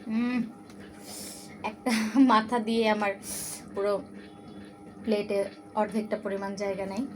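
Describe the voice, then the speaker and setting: A woman talks to her viewers as she eats in a mukbang show. Her voice sits at an average pitch, and she speaks in short, casual phrases broken by appreciative hums. There is clear noise behind her. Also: fairly even intonation, measured pace. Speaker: mukbang host.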